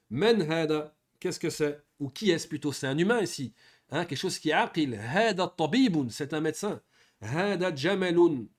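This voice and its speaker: A man giving a beginners' lesson, reading Arabic words aloud and patiently explaining each one in French. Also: a little high. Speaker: Arabic teacher. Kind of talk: classroom lesson explaining grammar.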